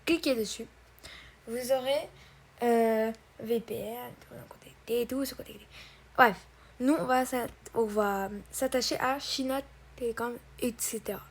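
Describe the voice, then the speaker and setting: A woman's voice: on the high side, a little slow. A woman hosting a casual tutorial, talking hesitantly with many fillers and restarts. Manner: addresses viewers as "guys" and "brothers". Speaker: tutorial host. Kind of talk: casual screen-recorded tutorial.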